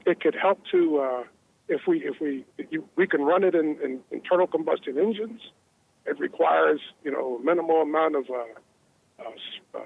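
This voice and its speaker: Tinny-phoned New Jersey caller in a car. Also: male voice, fairly high pitch, vocal fry, husky. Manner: rambling, earnest, repeats words. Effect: car Bluetooth phone call.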